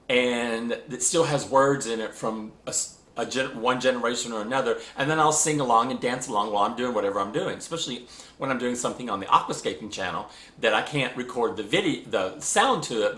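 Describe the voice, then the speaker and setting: A man in a casual vlog monologue, telling a spiritual dream story, animated and laughing often, with many fillers and restarts. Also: mid-range voice, reverberant. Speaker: spiritual vlogger.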